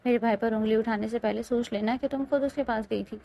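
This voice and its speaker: A woman's voice: on the high side, steady tone, gravelly, mellow, a little hiss or hum. A woman voicing a young male police officer who pleads in prayer and later speaks bluntly and firmly, read in a storybook style. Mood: stern. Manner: pleading, then blunt and firm.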